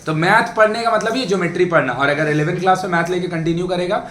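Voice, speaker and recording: A man's voice: sits high, fast, a bit bright. A man teaching a math lesson to a class, chatty and often checking that the students follow. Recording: echoey classroom, faint background noise.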